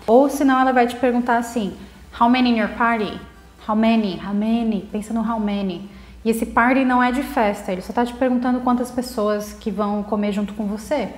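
A woman whose first language is Portuguese teaches English phrases in a casual, chatty lesson. Her voice sits a little high, and the room echoes around her. She slows right down to say the English lines clearly. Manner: explains, then says English phrases slowly and clearly.

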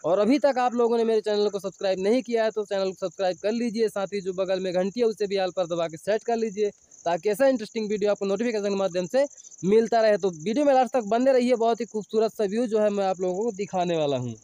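Fast-talking and warm-toned, a man in his thirties with a high voice chats to viewers while hiking a village and forest trail. The travel vlog is shot on a phone held at arm's length, with no echo.

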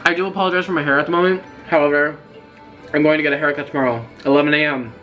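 A young man hosting a casual vlog, chatty and playful with quick asides. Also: a little high, fairly even intonation, pushed and bright, soft background music. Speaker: vlogger host.

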